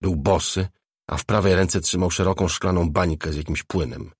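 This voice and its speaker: A man narrating an audiobook in a calm, measured reading. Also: sits low, husky, dry recording, studio quality. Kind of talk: scripted narration.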